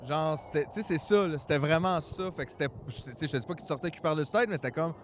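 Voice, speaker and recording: A Québécois man in his forties from Quebec, Canada, co-hosts a podcast and tells a long story in a casual chat, earnest and rambling. His voice is a little high and he talks fast in Québécois French, with slight background noise behind him.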